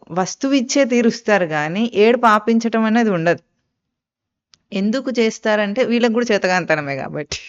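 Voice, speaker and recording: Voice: medium pitch, clean tone. Teacher giving a lo-fi scripture discourse. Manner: asks rhetorical questions and answers them; quotes and explains Sanskrit terms. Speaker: spiritual teacher. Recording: dull lo-fi recording.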